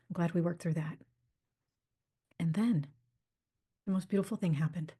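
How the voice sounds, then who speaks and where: Woman podcast host, low-ish mellow husky voice, animated storyteller. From United States. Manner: animated storytelling, acts out quoted dialogue.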